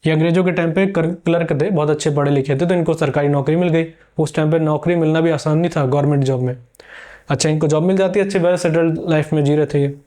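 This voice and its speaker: A man's voice: a little high, fairly even intonation, fast talker, warm tone. A man teaching a history lesson for exam preparation, telling it as a story and answering viewers' questions.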